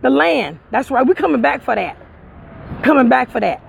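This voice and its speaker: High gravelly man preaching outdoors. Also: very animated, normal speed, background noise. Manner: emphatic, repetitive, preachy. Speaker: vlogger. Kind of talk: casual heartfelt monologue to viewers.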